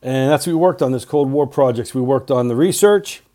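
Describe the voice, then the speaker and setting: A man's voice: medium pitch, a little fast, mellow. A middle-aged male teacher recording class announcements for his students' podcast, talking in clipped short phrases with earnest reminders.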